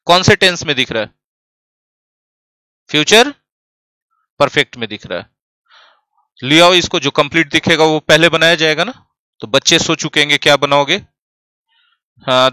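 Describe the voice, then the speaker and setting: Bright-voiced playful tutor man. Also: fairly high pitch, animated, normal speed, pauses often, dry recording. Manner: playful, teasing, asks the class questions. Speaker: English grammar teacher. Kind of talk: online class, joking with students. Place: classroom studio, standing at a desk.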